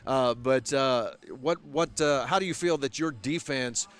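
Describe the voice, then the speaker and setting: Man interviewing, clear voice, halting delivery. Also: mid-range voice, a bit bright. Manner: hesitant, wordy phrasing with frequent uhs. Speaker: fight night interviewer. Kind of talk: pre-fight sports interview.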